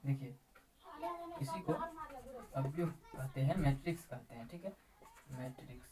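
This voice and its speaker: A woman teaching a math lesson, explaining slowly and repeating key terms over and over. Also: a bass voice, mellow, poor audio. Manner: repeats words and says "ठीक है" often, slow deliberate explaining. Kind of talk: classroom-style math lesson.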